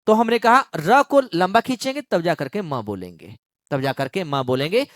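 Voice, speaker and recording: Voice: mid-range voice, very animated, normal speed, no echo, clean studio sound. A teacher giving a grammar lesson for exam students, repeating key phrases, asking the class questions and stretching out words to show long vowels.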